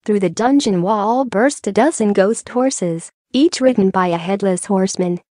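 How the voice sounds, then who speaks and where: Mellow woman narrating an audiobook. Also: medium pitch, normal speed, no room sound, clean studio sound. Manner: steady storytelling read.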